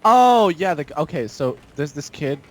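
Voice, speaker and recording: A man's voice: a little high, sing-song, normal speed. A young man chatting casually while gaming, joking crudely and laughing often. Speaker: co-host.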